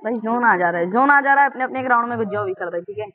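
A man, giving loud, excited commentary on his own gameplay as a channel host and calling out to his opponent. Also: extremely high pitch, very fast, no echo, phone-quality sound. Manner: loud, exclamatory, bossing his opponent around.

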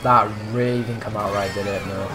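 Loud music plays behind this teenage boy as he streams a racing game, commentating live and talking with his viewers. His lowish, breaking voice moves fairly quickly and cracks often, and he comes across as excitable and chatty.

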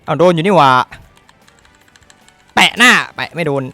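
A young man narrates his own fighting-game matches in a rapid, foul-mouthed stream, swearing constantly and yelling at the screen. His voice sits a bit high for a man. Faint game music plays underneath. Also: expressive, no room sound. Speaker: gaming YouTuber. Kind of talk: profane live gameplay commentary.

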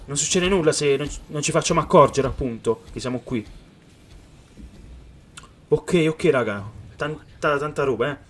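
A man giving excited let's-play commentary on a video game, reading the game's dialogue aloud and talking straight to his viewers. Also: fairly high pitch. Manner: excited, calls viewers "raga" often. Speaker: gaming youtuber.

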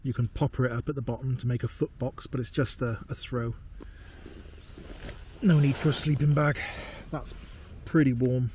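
A man in his forties, a camping vlogger, talking to a handheld camera in a laid-back, low-key way in a field. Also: steady tone, normal speed, darkish tone, slight background noise. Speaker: outdoor vlogger. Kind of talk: casual solo camping vlog. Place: tarp shelter in a field at night, then walking outdoors. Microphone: handheld camera close up.

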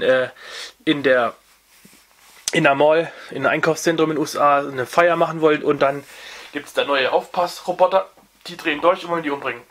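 A young man with a fairly high, slightly bright voice hosts a vinyl review channel. Speaking off camera in a casual record review, he uses many fillers and restarts.

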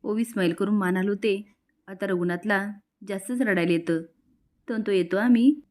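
A woman narrating a recap of a television serial, telling it in a steady storytelling manner. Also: medium pitch, normal speed.

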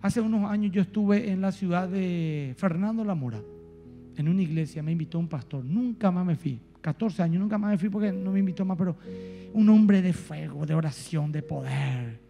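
A man with a Paraguayan Spanish accent preaching a sermon, telling a story and swinging between soft and emphatic delivery. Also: high-pitched, fairly quick, gravelly. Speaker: pastor. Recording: reverberant church hall with faint music.

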